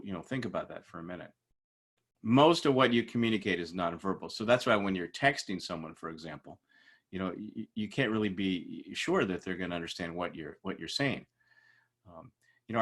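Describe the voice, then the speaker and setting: A man's voice: lowish voice, a bit bright. A man teaching a recorded lecture in a casual, conversational way, with frequent fillers and restarts.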